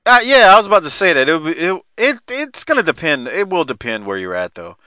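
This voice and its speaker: Bright, clear-voiced male podcast host. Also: on the high side, sing-song, quick pace, no echo, studio quality. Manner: conversational, directing co-hosts. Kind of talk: casual wrestling review chat.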